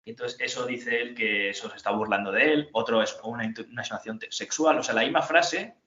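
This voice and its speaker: A man's voice: medium pitch, fast, bright, forceful tone. Rambling man in a roomy lo-fi room. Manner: rambling, reads quotes aloud, many fillers. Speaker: podcast host. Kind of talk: casual literary discussion. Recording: roomy, dull lo-fi sound.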